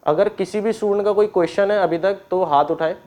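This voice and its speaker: A man teaching an online keyboard class, explaining step by step, often clearing his throat and checking that students follow. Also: high-pitched, a little fast, a little mellow. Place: indoors with keyboard and board.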